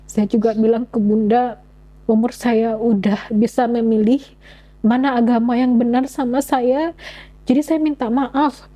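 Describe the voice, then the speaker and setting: Woman, young adult, interview guest, earnest halting testimony, mellow voice. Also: on the high side, steady tone, low-quality recording. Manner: earnest, halting retelling with frequent restarts.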